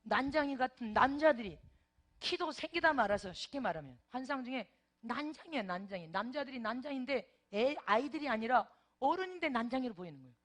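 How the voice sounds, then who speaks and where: A woman's voice: on the high side, quick pace. A middle-aged woman preacher telling a vivid testimony in a sermon, with many exclamations and interjections. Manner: animated storytelling with frequent interjections.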